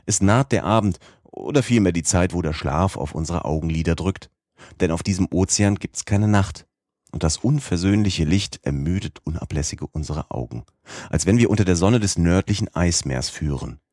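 A man reading a classic novel aloud as a first-person audiobook narrator, in a measured storytelling manner. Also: low-pitched, a little mellow, no echo, studio quality. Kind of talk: scripted narration.

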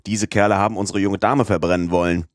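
A man's voice: deep voice, steady tone, fast, no echo, close to an everyday voice. An impatient, hot-headed male servant who blurts out his objections, as a man reads him. The delivery is impetuous and recorded dry and close. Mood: grumbling. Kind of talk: audiobook character reading.

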